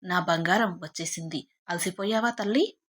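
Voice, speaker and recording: A woman narrating a storybook who voices a harsh stepmother that shouts at one daughter and pampers the other. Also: lowish voice, moderate pace, close to an everyday voice. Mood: doting. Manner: sharp scolding shouts and sudden sugary pampering. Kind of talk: storybook narration with acted quotes.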